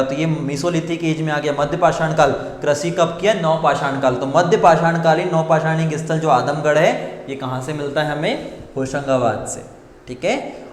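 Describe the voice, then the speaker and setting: A man's voice: a little high, roomy sound, big-room sound, a little hiss or hum. A man teaching an exam coaching class, asking questions and answering them himself, repeating key points again and again. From India. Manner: repetitive, quizzes students and answers himself.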